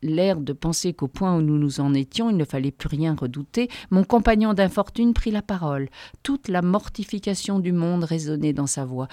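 A woman narrates an audiobook in the first person, measured and expressive. Her voice sits rather low and sounds close and dry, with no room around it. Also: dry recording.

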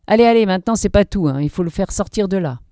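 Woman doing a cruel young gang boss, sneering, insulting, loud and raised. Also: high voice, lively intonation, fast talker, no room sound, studio quality, pitched above the performer's own voice. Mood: scornful. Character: cruel young male gang leader, scornful.

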